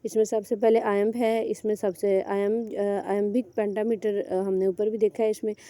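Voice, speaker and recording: Woman literature lecturer, very mellow dark tone, dry close recording. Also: mid-range voice, little pitch movement, no room sound. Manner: explains in Urdu-Hindi, reads English examples slowly. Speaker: English literature teacher.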